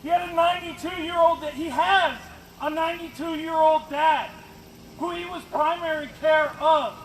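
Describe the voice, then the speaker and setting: A man with a very high-pitched, fairly even voice accuses and confronts at normal speed, pounding out his protest speech through a bullhorn outdoors. The echoey, noisy street rally recording carries traffic sounds in the background.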